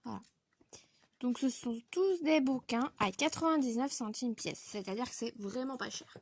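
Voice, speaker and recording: A woman with a slightly raised pitch talks through a casual haul video. She presents her new coloring supplies one by one. Her speech is loose and chatty, padded with small connecting words between points. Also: husky, no room sound. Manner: chatty, fills pauses with donc and voilà. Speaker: vlogger showing coloring supply purchases.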